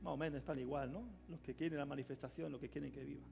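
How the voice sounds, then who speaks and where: A man preaching a sermon as pastor of a church, emphatic, swinging between loud cries and quiet asides and calling on the congregation to answer aloud. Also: a little high, fairly even intonation, quick pace, vocal fry, soft background music. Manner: calls on the congregation to respond aloud. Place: church service hall.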